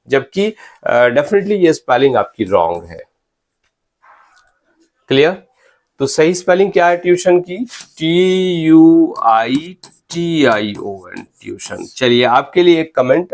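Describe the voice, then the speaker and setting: A man teaching English spelling, slowly spelling out words letter by letter and checking in with his students. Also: fairly high pitch, darkish tone. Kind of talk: spelling lecture in Hindi mixed with English.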